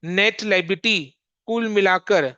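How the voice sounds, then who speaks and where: A commerce teacher talks through an accounting problem at a very slow, deliberate pace, repeating each step and quizzing the listener. The voice is smooth and clear. The recording is dry and a little dull, with no room sound. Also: mid-range voice, pushed and bright, no echo.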